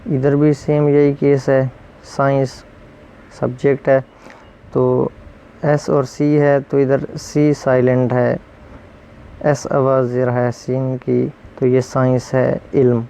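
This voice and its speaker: A man teaching English pronunciation, repeating each rule and word slowly and then giving its meaning. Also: mid-range voice, completely flat delivery, dark tone, clear, resonant tone, poor audio. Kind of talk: explaining pronunciation rules.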